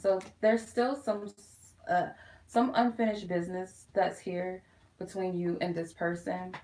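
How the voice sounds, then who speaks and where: A woman's voice: lowish voice, vocal fry, a little mellow, reverberant, slight background noise, low-quality recording. A woman chatting informally to viewers as she gives a casual tarot reading on a live stream from home. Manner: informal, chatty, addressing viewers as "you guys". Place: quiet room at home.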